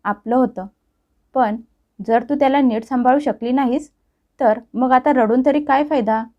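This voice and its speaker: A woman's voice: high-pitched, moderate pace, close to an everyday voice. A woman voicing a stubborn young husband who speaks harshly and scolds, in a story reading with a dull sound. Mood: angry.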